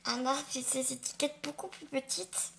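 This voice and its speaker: This craft unboxing vlogger chats casually and fondly with her audience at normal speed, her high, fairly bright voice showing vocal fry. Dental surgery has left her with a slight lisp and slushy s sounds, and the recording carries a little hiss or hum.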